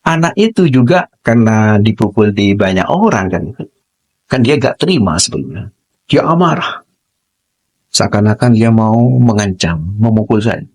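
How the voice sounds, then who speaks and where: Middle-aged male teacher, husky voice, lively storytelling, acts out dialogue. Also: lowish voice, moderate pace. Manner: animated storytelling with acted-out dialogue. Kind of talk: podcast storytelling.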